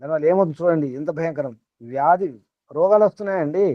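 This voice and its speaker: A man delivering a spiritual discourse with a somewhat raised pitch, circling back to the same phrases and pressing his listeners with questions. His voice comes through a thin, phone-like channel with a dry, close sound. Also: fast, no room sound. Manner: repetitive, rhetorical questioning. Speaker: spiritual teacher. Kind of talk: spiritual discourse to a small group.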